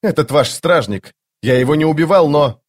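A man's voice: fairly high pitch, lively intonation, moderate pace, voice pushed up. Man doing a touchy young street thief. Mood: agitated. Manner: agitated, defiant.

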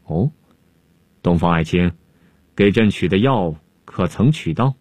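Man playing a deep, stern ancient emperor. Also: lively intonation, a little slow, darkish tone, dry recording. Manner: commanding, sarcastic.

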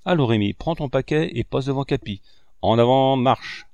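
A man's voice: medium pitch, moderate pace, darkish tone, no room sound, close to an everyday voice. A man reading the lines of a stern but fair old male street showman, firm and businesslike.

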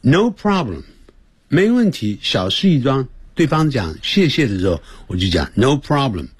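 Husky, animated male English teacher. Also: mid-range voice, no room sound. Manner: drills pronunciation slowly, drawing words out; switches between explanation and example phrases. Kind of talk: radio language lesson.

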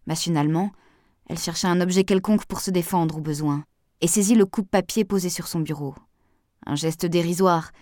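A woman narrating an audiobook in a measured, expressive way. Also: lowish voice, no room sound, clean studio sound.

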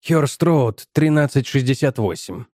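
A man's voice: medium pitch, lively intonation, measured pace, dry recording, studio quality. Frantic shopkeeper, as a male narrator reads him. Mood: weary. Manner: pleading and shouting in alarm. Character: shaken middle-aged male shopkeeper, frantic.

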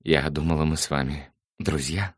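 A man's voice: rumbling low, fairly even intonation, normal speed, no room sound, studio quality. Man voicing a cold, offended office colleague. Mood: wounded.

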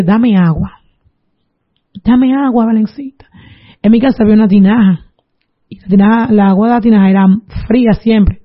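A woman telling her religious testimony in an earnest storytelling manner, with preaching asides. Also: on the high side. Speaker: testimony giver. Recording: dull lo-fi recording.

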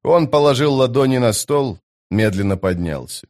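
A man narrating an audiobook in a steady, measured way. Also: medium pitch.

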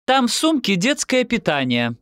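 A man's voice: very high-pitched, huge pitch swings, moderate pace, fairly bright tone, no room sound, clean studio sound, pitched above the performer's own voice, full character voice. A man reading an audiobook, voicing a cheerful, pushy young mother in a raised, sing-song voice. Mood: coaxing. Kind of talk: audiobook character voice.

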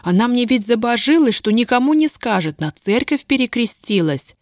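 Женщина играет испуганную молодую крестьянку, которая всхлипывает и умоляюще причитает. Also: female voice, a little high, big pitch swings, normal speed, dry recording, studio quality, pitched above the performer's own voice. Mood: tearful. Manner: sobbing, pleading, folk speech. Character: frightened, tearful young peasant girl.

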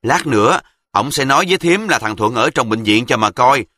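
A man voicing a clever, bossy boy from the south who speaks quickly and confidently with a Southern Vietnamese accent. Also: mid-range voice, animated, bright, forceful tone, no echo, clean studio sound. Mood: scheming. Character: sharp, know-it-all southern boy, ringleader.

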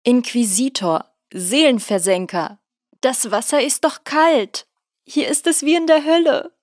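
A woman voicing an indignant, easily upset young man in an audiobook, shrill and outraged in his protests. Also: unhurried, no room sound, studio quality. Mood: complaining. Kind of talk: audiobook character voice.

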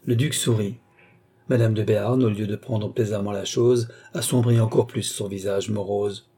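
A man narrating a classic novel in a steady, measured audiobook reading. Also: lowish voice, breathy edge.

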